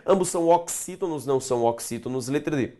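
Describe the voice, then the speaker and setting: A man's voice: mid-range voice, fast, mellow. A man teaching a grammar lesson for exam prep, stretching out syllables and asking himself rhetorical questions.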